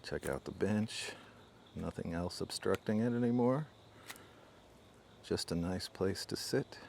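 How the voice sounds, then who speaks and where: Low gravelly man filming outdoors. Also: lively intonation, a little slow, darkish tone, slight background noise. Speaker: camera operator. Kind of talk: casual narration while filming. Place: outdoors in a backyard garden.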